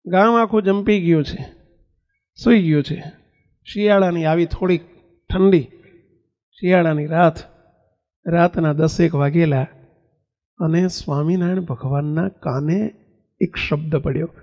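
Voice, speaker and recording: A man telling a devotional story as a sermon, animated, acting out the dialogue himself. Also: muffled recording. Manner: animated, acts out dialogue with raised pitch; chants a hymn verse slowly. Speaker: preacher telling a religious story. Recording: long hall reverb.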